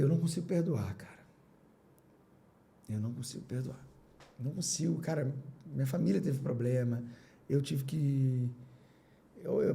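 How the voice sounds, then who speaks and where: A middle-aged man with a gravelly, fairly high voice and a very dark, mellow tone, telling a personal story as a podcast guest. He talks with strong emotion and repeats phrases over and over. He also acts out the things he once said. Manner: emotional, animated retelling, repeats phrases and acts out his own past words. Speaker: podcast guest, business owner.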